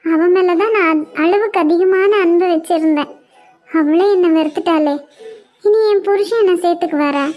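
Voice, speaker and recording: A woman with a very high, darkish-toned voice speaks at normal speed over soft background music, performing a cartoon web series role. Her character, a young mother rejected by her daughter, is tearful, pleading, and despairing, voiced with a Kanyakumari Tamil accent.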